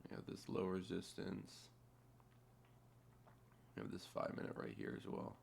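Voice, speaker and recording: A man's voice: sits low, big pitch swings, moderate pace, vocal fry, a little mellow, slight background noise. A man giving casual screen-share commentary as a trader, thinking aloud in an offhand, muttering way with casual swearing. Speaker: trader narrating a chart replay.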